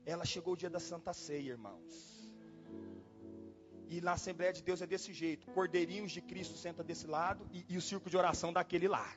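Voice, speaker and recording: A pastor preaching in a church, telling a personal story in a dramatic way, exclaiming and repeating himself. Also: male voice, sits high, brisk. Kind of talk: storytelling sermon. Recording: dull lo-fi sound with faint music.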